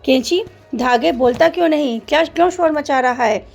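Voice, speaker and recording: A woman's voice: high-pitched, normal speed, vocal fry, music in the background, voice pushed up. A woman voicing a pair of scissors in a children's story, a bossy elder sister who scolds. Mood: stern.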